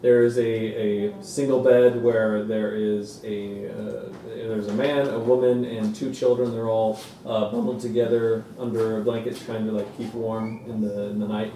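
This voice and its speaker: Man narrating a tabletop game, halting. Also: on the low side, flat delivery, warm tone, roomy sound, distant mic, slight background noise. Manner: halting, filler-heavy improvised narration. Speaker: game master.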